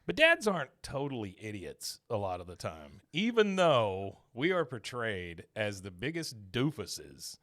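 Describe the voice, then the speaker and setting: Low-voiced rambling man, lively pitch. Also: a little slow, hardly any pauses, no echo, studio quality. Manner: rambling, laughing, self-deprecating. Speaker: podcast co-host. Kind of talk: casual chat.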